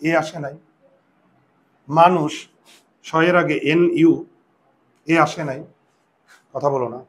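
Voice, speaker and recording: Man teaching a class, somewhat high-pitched voice, repeats questions to students, spells words out slowly. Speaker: Bengali teacher. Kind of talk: classroom lesson.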